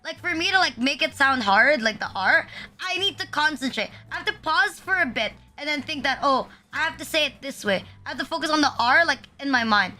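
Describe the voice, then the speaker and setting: On her livestream, a young VTuber from the Philippines chats in a high, expressive voice that sounds pushed and bright, moving at a fairly quick clip. She rambles casually, filling gaps with constant fillers and frequent swearing.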